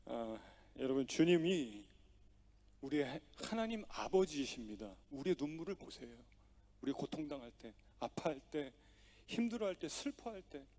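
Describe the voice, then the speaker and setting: Expressive high-voiced male pastor. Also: normal speed. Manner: storytelling with acted-out dialogue, emphatic and expressive. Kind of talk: sermon. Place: church sanctuary.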